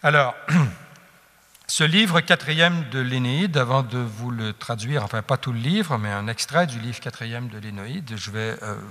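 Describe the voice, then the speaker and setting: A man's voice: mid-range voice, unhurried, bright, forceful tone. Man lecturing in a reverberant classroom. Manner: chants verse rhythms, many fillers and restarts. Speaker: teacher.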